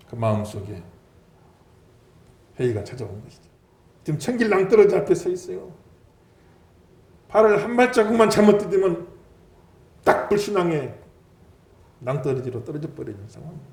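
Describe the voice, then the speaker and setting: A male pastor delivers an impassioned sermon, his fairly high voice leaping up and down as he acts out jeering voices. He swells loud, then sinks almost to a murmur. The sound rings through an echoey church hall. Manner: dramatic preaching with mocking quoted taunts, swelling and dropping loudness.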